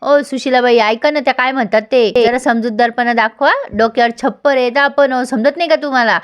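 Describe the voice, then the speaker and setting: An older patriarch who both hushes and scolds his household, voiced by a woman retelling it. He sounds commanding, in a raised voice. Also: on the high side, fairly even intonation, fairly quick, clear, resonant tone, muffled recording, close to an everyday voice. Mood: scolding. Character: older patriarch, head of house, two wives.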